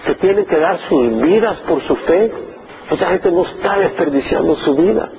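A man's voice: sits high, animated, normal speed, creaky, lo-fi sound, slight background noise. A male pastor preaching a sermon in an earnest, urging way, building his points through repeated phrases.

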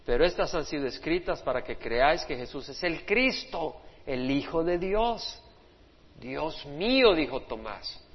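A man's voice: fairly high pitch, animated, a little slow. A male pastor giving an impassioned sermon, voicing the people he quotes as he preaches. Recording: dull lo-fi sermon recording in a reverberant hall.

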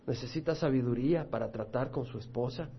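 A man pastor teaching a Bible study sermon, retelling scripture with animated storytelling that rises loud and drops soft. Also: mid-range voice, a little fast, breathy edge. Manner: animated storytelling, rising loud for quoted voices, dropping soft for teaching points. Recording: dull lo-fi recording.

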